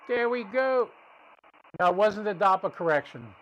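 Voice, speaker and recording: A ham radio livestream host gives casual live commentary, thinking aloud, explaining as he goes, and often restarting his sentences. His voice sits high and sounds animated and a bit bright, delivered a little slowly, with the highs cut off.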